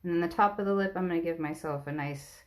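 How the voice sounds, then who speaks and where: A woman's voice: fairly low pitch, quick pace. A woman art teacher giving a patient, step-by-step drawing lesson on a live stream.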